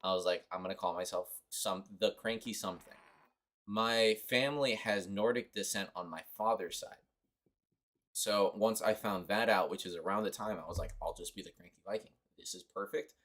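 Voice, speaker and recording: A man's voice: low voice, fairly even intonation, normal speed, a bit bright. A young man from Costa Rica streaming a mobile game, chatting offhand and rambling to his viewers. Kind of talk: casual livestream commentary.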